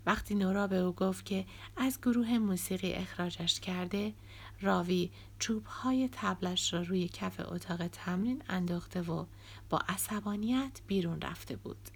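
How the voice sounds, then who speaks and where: A woman narrating an audiobook in a soft, measured way, sometimes close to a whisper. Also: medium pitch, slightly rough. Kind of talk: scripted narration.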